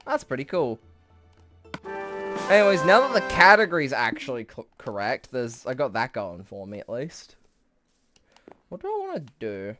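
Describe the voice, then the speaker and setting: A man's voice: medium pitch, huge pitch swings, moderate pace, over music. A young man giving casual live commentary on his gameplay, rambling and swearing, a bit out of breath. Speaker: streamer.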